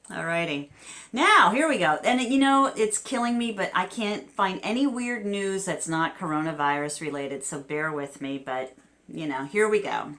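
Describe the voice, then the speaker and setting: A woman's voice: fairly low pitch, fairly bright tone. A woman in her fifties with a New Jersey accent hosting a vidcast, reading odd news stories with chatty, wry asides. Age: 50s. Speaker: host.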